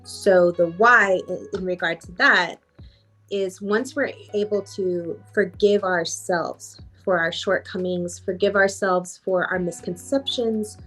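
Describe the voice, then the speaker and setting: A woman's voice: fairly low pitch, steady tone, takes it slowly, fairly bright tone, faint music behind. A woman life coach answering in a podcast interview, reflective and repeating phrases for emphasis.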